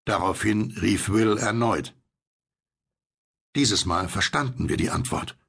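A man narrating a horror audiobook in a measured, suspenseful way. His voice sits low, with a heavy gravelly rasp and a husky, rough texture throughout. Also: animated, fairly bright tone.

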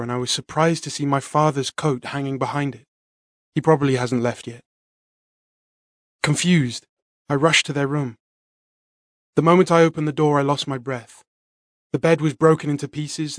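A man narrating a first-person fantasy audiobook in a measured, dramatic read. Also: medium pitch, fairly bright tone, no echo, studio quality.

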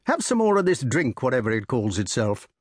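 Male reader as hearty old storybook knight, raised pitch, lively, blustery. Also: fairly quick, slightly rough, no room sound, clean studio sound. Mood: bluff hearty. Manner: bluff, clipped, hospitable.

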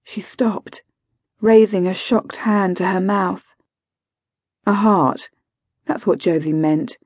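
A woman narrating an audiobook thriller in a measured, wry manner. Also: mid-range voice, a little mellow, husky, dry recording, studio quality.

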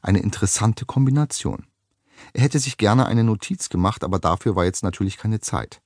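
Low, husky male audiobook narrator. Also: moderate pace, dry recording, studio quality. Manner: wry, expressive storytelling. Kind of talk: scripted narration.

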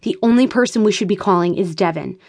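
Reading an audiobook, a woman voices a frantic, frightened young woman, raising her pitch and pleading with urgent insistence. The delivery is fast, a little mellow, and lightly acted.

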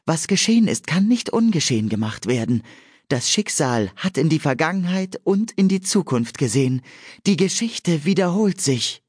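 A male audiobook narrator voicing an ancient male nymph who chants a prophecy in a slow, high, drawn-out way. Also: very animated, a little mellow, breathy edge, dry recording, studio quality. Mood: prophetic. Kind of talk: audiobook character voice.

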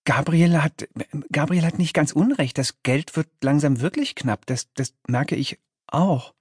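A man's voice: a little high, measured pace, husky, no room sound, clean studio sound, voice pushed up. A man voicing a timid demon clerk who stammers and hesitates.

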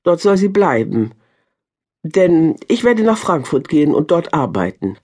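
A woman voicing a hurried, defensive young woman in a storybook reading, firm and brisk. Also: deep voice, big pitch swings, a little mellow, slightly rough, voice pushed up, heavily acted.

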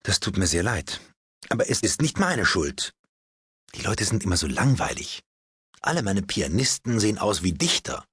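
A man's voice: fairly low pitch, very animated, normal speed, a bit bright, breathy edge, no room sound, clean studio sound, heavily acted. Man doing a gushing society hostess. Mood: chattering. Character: witty chattering society hostess, woman. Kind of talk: audiobook character voice.

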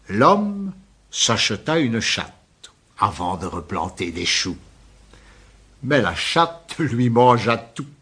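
An older man, a poet, reciting his own verse in a measured, lilting poetry-reading style. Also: medium pitch, fairly bright tone, husky.

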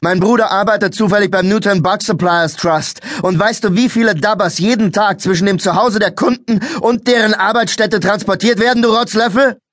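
A male narrator voicing a brutal mustached policeman who shouts threats at a boy. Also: high voice, a little fast, hardly any pauses, no room sound, clean studio sound, voice pushed up. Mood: scornful berating.

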